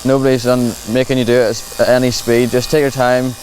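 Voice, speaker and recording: A man from Northern Ireland, with a Northern Irish accent, commentates on a hands-on livestock clipping demonstration, explaining things in a plain, practical, reassuring way. His voice is medium in pitch with little movement, a little fast, and darkish in tone. The audio quality is poor, with clear buzzing from clippers and machinery.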